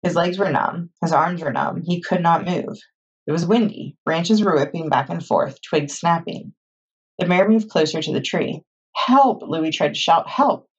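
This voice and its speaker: A woman librarian reading a children's chapter book aloud in steady storytime narration. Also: fairly low pitch, normal speed, husky. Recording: dull lo-fi recording.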